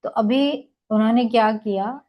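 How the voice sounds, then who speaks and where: A woman narrating a devotional children's story gently, with many pauses and hesitation sounds. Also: a little high, highs cut off.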